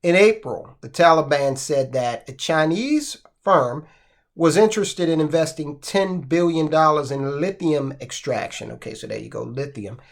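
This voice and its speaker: A fairly high-voiced American man hosting a finance show. He talks in a loose, conversational way, stopping to throw in asides and rhetorical questions as he walks through the headlines. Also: animated, normal speed, vocal fry. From United States. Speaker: finance channel host. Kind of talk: casual commentary.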